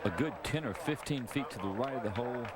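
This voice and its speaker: A man's voice: mid-range voice, fast, over a noisy crowd. A man giving analytical live golf commentary as a broadcast analyst. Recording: noisy outdoor broadcast on VHS tape.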